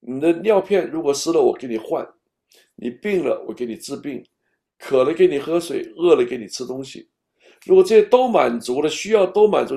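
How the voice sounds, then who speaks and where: A man giving a patient, step-by-step talk on raising children, at times speaking straight to an imagined baby and dropping to a soft whisper. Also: fairly high pitch. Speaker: parenting speaker.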